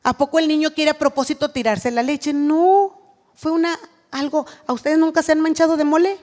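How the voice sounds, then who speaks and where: A woman's voice: high-pitched, moderate pace, a little mellow, long reverb tail. A woman giving an earnest sermon at a women's church retreat, acting out what a mother says to her child.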